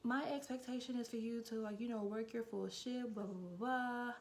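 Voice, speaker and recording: A woman mimicking a stern, sarcastic female store manager in a high, condescending sing-song voice. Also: fairly even intonation, normal speed, darkish tone, natural voice. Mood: firm.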